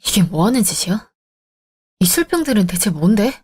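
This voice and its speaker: A woman narrating a radio drama and playing an angry wife, with a sharp, reproachful way of talking. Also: medium pitch, sing-song, normal speed, breathy edge. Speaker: story narrator voicing a wife. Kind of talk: Korean radio drama acting.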